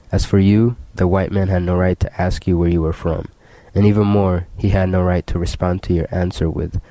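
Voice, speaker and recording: A young man from Ethiopia, a student, reading his letter-form monologue in a slow, deliberate way. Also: low voice, dark tone, no room sound. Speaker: college student performer.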